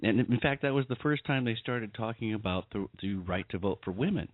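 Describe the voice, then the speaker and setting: A male guest advocate on a radio show, speaking earnestly and in a measured way. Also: fairly low pitch, expressive, no echo. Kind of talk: earnest call-in talk. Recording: dry tinny phone line.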